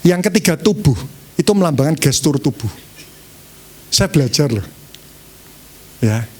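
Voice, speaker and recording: A male pastor delivering an animated sermon in a noticeably high voice. He acts out different tones of voice for his listeners. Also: unhurried, slightly rough. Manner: animated, demonstrating tones of voice to the congregation.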